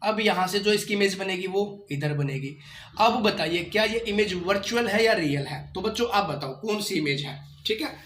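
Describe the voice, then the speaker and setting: A male science teacher explaining a lesson, reading textbook lines slowly and asking the children repeated questions. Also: sits high, fairly bright tone, roomy sound, a little hiss or hum.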